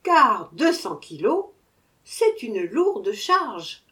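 A woman's voice: a little high, very animated, very slow, a bit bright, exaggerated voice. Woman doing a polite, humble merchant. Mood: cautious. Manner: deferential, cautious.

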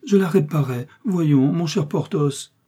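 Man voicing a plaintive middle-aged wife, jealous, sighing, high put-on voice, husky, storybook. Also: a little slow, warm tone.

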